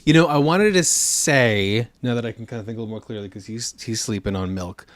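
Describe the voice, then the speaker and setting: A man, chatting casually as a podcast co-host. His voice sits in an ordinary middle pitch, and he rambles along, restarting his sentences as he goes. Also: brisk. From New York. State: holding a newborn. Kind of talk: casual chat.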